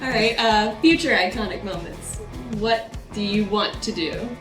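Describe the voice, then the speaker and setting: A woman's voice: mid-range voice, moderate pace. A woman co-hosting with casual comic storytelling, giggly and self-deprecating. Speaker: co-host. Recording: roomy echo with music.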